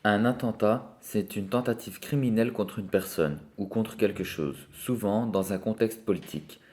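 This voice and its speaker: A man reads a scripted narration in a steady, informative tone. His voice sits fairly low. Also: moderate pace.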